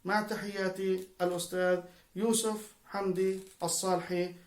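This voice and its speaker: A man's voice: high-pitched, level tone, normal speed. A male teacher, patiently giving a video lesson and spelling out syllables one by one for the student. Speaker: Arabic teacher. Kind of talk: video lesson on Arabic prosody. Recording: echoey room, mic far away.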